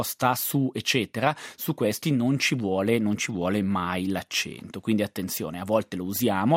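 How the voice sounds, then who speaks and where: Radio language expert, male, low voice, dry studio sound, quick teacher's delivery. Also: no echo. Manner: didactic, lists examples, quick bursts. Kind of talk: explaining grammar on radio.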